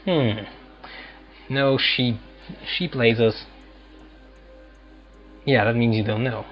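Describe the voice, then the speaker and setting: Speaking slowly with fairly even intonation, a man with a mid-range voice muses over a video game playthrough in short, fragmented comments. The recording has its highs cut off, and loud game music runs underneath his voice.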